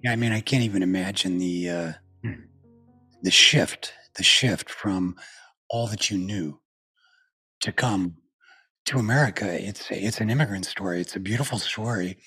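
Husky low-voiced male interviewer. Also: moderate pace, pauses often, pushed and bright, faint music behind. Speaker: podcast host. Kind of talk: casual interview chat.

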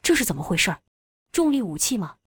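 A woman voicing an arrogant, cruel male villain with mechanical arms in a storybook reading, his voice pitched lower and sneering. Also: big pitch swings, a little fast, breathy edge, no echo, clean studio sound. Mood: shocked. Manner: sneering and boastful, later begging.

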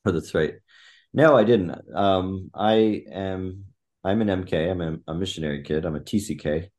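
A middle-aged podcast guest from Thailand, with a deep, low-pitched voice, describes his family life in a relaxed, conversational interview. He talks at a moderate pace, reflectively and haltingly, with many fillers and restarts.

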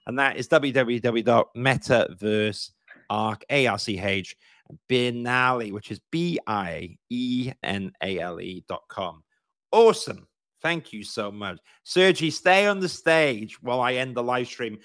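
A man's voice: mid-range voice, expressive, a bit bright, dry recording. Upbeat Welsh man hosting, dry sound. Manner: upbeat, spells out web addresses slowly. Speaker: host. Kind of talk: live-stream interview chat.

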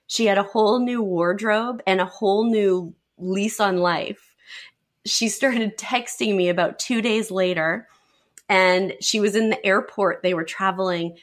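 A woman working as a wardrobe stylist, guesting on an interview and telling a client story, acting out what people said in lively, shifting voices. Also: mid-range voice. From lives in Sarasota, Florida. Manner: lively storyteller who acts out quoted speech.

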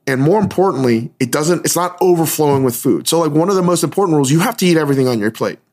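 A hungover man hosting a podcast, talking in a casual, rambling monologue with a halting, musing delivery. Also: on the high side, lively intonation, darkish tone. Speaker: podcast host.

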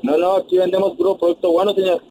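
A man's voice: high voice, monotone, fast talker, background noise. A man working as a shop clerk, answering a phone call with laughing, dismissive denials.

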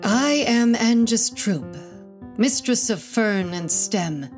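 A woman's voice: a little high, animated, takes it slowly, darkish tone, soft background music. A woman playing a haughty, self-important botanist in a comedic audio drama, making proud declarations.

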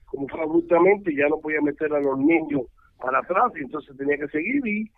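On a casual phone interview, an older former ballplayer turned baseball analyst tells rambling, animated stories, often restarting mid-thought. His high, gravelly voice swoops around at a fairly quick clip. The line is thin and tinny, dry with no echo or room sound.

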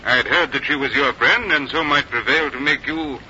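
General Howe, sharp, courtly British commander. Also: male voice, medium pitch, a little fast. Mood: courteous, firm. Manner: formal, clipped, polite. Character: courtly, shrewd British general, composed gentleman villain. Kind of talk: 1950s radio drama acting. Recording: muffled old radio broadcast, faint noise.

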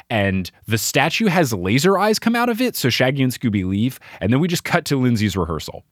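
A man's voice: on the low side, no echo, clean studio sound. A man hosting a podcast, recapping a cartoon episode in a wry, chatty way. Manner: chatty, wry storyteller, keeps score. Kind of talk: casual chat.

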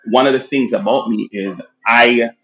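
A guest physician chats in a casual interview, his Jamaican accent reflecting a Jamaican upbringing after a Nigerian birth. His mid-range voice moves at a moderate pace, lively and full of laughter, with frequent restarted phrases, all captured in lo-fi sound.

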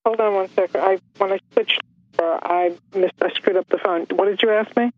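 A woman calling in to a radio show by phone, speaking haltingly, with pauses and restarts. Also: mid-range voice, fairly even intonation, a little hiss or hum. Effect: heard over a phone line on a radio call-in show. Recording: muffled phone-line sound.

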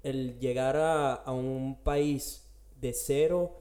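A man's voice: medium pitch, steady tone, extremely slow, warm tone. A Latin American man, co-hosting a casual podcast and laying out its topics. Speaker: podcast co-host. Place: Australia.

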